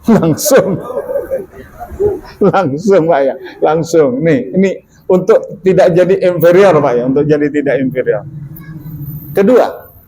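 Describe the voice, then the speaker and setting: A male preacher telling a story in a sermon, animated, asking his listeners questions and repeating key lines. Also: fairly high pitch, unhurried, pauses often, rough recording. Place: mosque.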